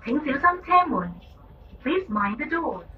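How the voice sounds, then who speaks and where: A woman giving a recorded onboard train loudspeaker announcement in a measured, formal way. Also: high-pitched, big pitch swings. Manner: measured, evenly paced, formal. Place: inside a light rail train. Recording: distant echoey lo-fi loudspeaker in a noisy train car. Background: train running noise.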